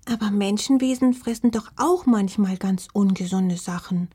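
A woman voicing a curious, clever little female blue fox in a storybook reading, with a soft, calm manner and a husky voice. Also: medium pitch, moderate pace, natural voice.

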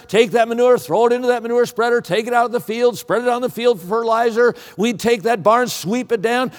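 Guy preaching, pretty high voice, folksy n emphatic, repeats himself, big echoey church hall sound. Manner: emphatic, repetitive, folksy storytelling. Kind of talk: sermon with dramatic pauses and repetition. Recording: echoing large hall reverb.

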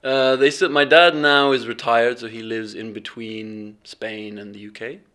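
A filmmaker and fellowship alumnus from England, partly raised in Bahrain, speaks in a relaxed interview with a middle-pitched voice. Reflective and hesitant, he often breaks off and restarts, filling gaps with ums as he searches for words.

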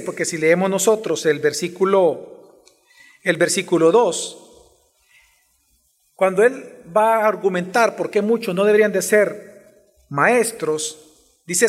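A man preaching an expository sermon, speaking directly to his congregation and shifting his pace and emphasis as he explains a text. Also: sits high. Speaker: pastor. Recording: long hall reverb.

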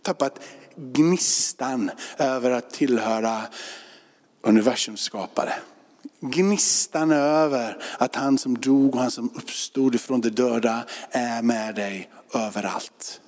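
A man's voice: medium pitch, darkish tone. Man preaching casually in a church hall. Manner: informal, conversational preaching with fillers and repeats. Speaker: pastor. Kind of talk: sermon. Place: church sanctuary.

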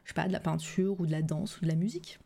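A woman hosting a casual live-stream interview, relaxed and hesitant, greeting viewers and asking questions. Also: fairly low pitch, very fast, vocal fry, slightly rough. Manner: relaxed, hesitant, many fillers and restarts.

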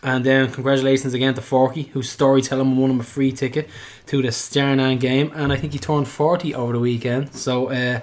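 A man's voice: mid-range voice, flat delivery, fairly quick, few pauses. Chatty Irish man, casual podcast host. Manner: colloquial, chatty, joking. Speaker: football fan podcast host. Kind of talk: casual chat.

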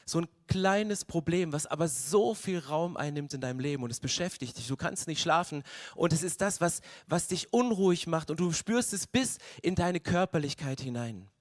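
A young man preaching a sermon, earnest and rising to loud, passionate stretches. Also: a little high, expressive, normal speed, no room sound, studio quality. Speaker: pastor.

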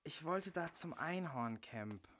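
A man reading the part of a soft-spoken, hesitant young woman. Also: sits low, animated, takes it slowly, exaggerated voice. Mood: earnest. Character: gentle, earnest young woman.

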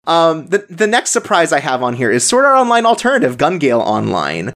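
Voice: mid-range voice, huge pitch swings, brisk, fairly bright tone. A podcast co-host chatting casually about anime, rambling with lots of filler words and frequent laughter. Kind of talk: casual chat.

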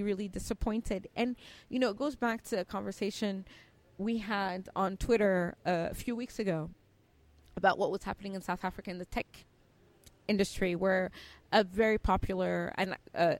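A middle-aged woman from Cameroon talks through a hard business experience in an interview. Her voice sits at a medium pitch. She speaks earnestly, stumbling and restarting often. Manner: earnest, many restarts and fillers. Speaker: company founder. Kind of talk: interview answer.

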